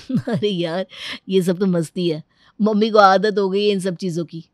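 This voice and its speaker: A woman's voice: medium pitch, steady tone, a little slow, no echo, studio quality, natural voice. Easygoing cartoon son, shrugging everything off played by a woman. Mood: laid-back. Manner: lazy, dismissive. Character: laid-back young adult son.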